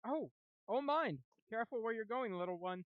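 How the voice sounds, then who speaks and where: A man playing a startled high-voiced bard. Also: animated, normal speed, dry recording. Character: flustered male bard, gentle with strangers. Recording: slightly dull mic.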